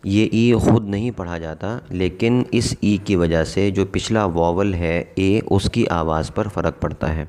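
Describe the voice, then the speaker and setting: A man teaches English in a patient, measured way. He stops to repeat example words slowly, as if for a class to copy. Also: low voice, darkish tone. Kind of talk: explaining lesson.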